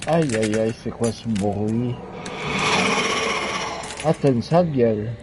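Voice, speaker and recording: A man giving let's-play commentary, excitable, exclaiming and swearing at the game. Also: medium pitch, slow, heavy background noise. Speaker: gamer. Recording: loud game sound under the voice.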